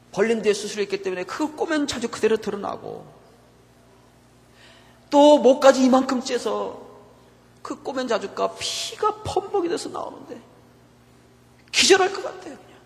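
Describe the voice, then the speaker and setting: High-voiced man preaching in a reverberant church. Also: vocal fry. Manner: impassioned personal storytelling. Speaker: pastor. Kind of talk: sermon. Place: church sanctuary.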